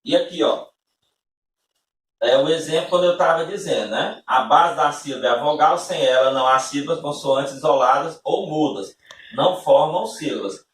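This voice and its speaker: A man's voice: on the high side, moderate pace, distant mic. A man teaching a lesson, explaining patiently step by step and often checking in with his listeners. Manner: patient step-by-step explaining, frequent tag questions. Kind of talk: recorded classroom-style lesson. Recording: echoey room, voice from off-mic.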